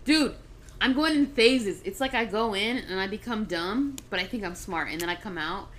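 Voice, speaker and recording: A young woman vlogging in casual chat, high and giggly, rambling and swearing. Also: moderate pace, a bit bright.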